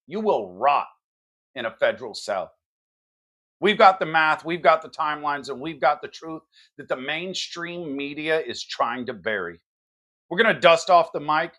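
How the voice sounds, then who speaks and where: A man with a slightly high voice hosts a political podcast. He delivers his commentary emphatically, with a combative edge. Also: bright, forceful tone. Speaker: podcast host.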